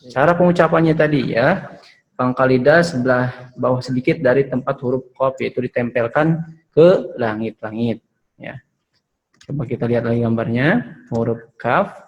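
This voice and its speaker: A man's voice: mid-range voice, normal speed, muffled recording. A male Quran recitation teacher explaining letter pronunciation patiently, demonstrating sounds and tagging phrases with "ya". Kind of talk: online Quran pronunciation lesson.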